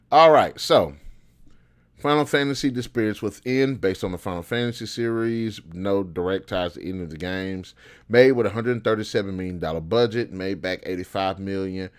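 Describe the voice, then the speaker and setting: The host of a video game movie show, a man, shares loose, opinionated takes in casual slang, working through his thoughts out loud. He speaks at normal speed in a lowish voice with a clean tone.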